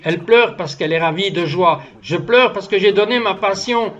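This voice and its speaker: Earnest high-pitched male dub voice telling a testimony, dull lo-fi sound. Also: moderate pace, a bit bright. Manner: earnest storytelling, acts out the dialogue of his story. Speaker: interview guest telling a testimony. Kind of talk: French voice-over dub of a testimony.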